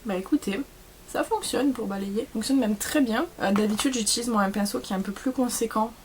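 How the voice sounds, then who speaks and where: A woman's voice: a little high, a little fast, a little mellow, soft background music. A young woman from southern France with a southern French accent, chatting casually through a makeup tutorial, rambling with many fillers and asides. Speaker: beauty vlogger.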